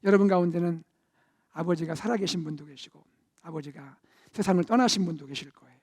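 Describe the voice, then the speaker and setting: A middle-aged man preaching a sermon as senior pastor in a conversational way. His delivery swells to loud emphasis and then drops to near-whispers. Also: high-pitched, slightly rough, no room sound, clean studio sound.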